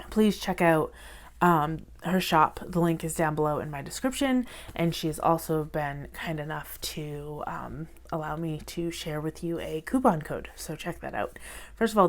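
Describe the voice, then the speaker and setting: Stuffy, low-voiced woman with a head cold. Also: animated, unhurried. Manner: chatty and self-deprecating, with many fillers. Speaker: budgeting vlogger. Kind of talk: casual chat to camera.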